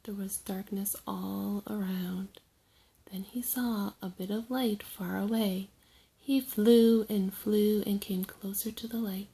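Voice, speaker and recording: A woman storyteller narrating a trickster folk tale in short, deliberate phrases with dramatic pauses. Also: medium pitch, steady tone, gravelly, dark tone, breathy edge, rough recording.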